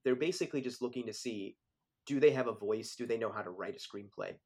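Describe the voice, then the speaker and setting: A young adult filmmaker, Swiss-born and from the Philadelphia area, chats casually as an interview guest. His mid-range voice is quick, darkish and slightly rough. His speech is full of asides and fillers like "like" and "you know."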